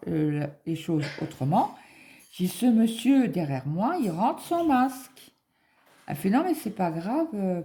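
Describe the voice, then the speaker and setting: A middle-aged woman vlogger with a lowish, creaky, dark voice chats casually while retelling an appointment. She rambles with many fillers and acts out the conversation.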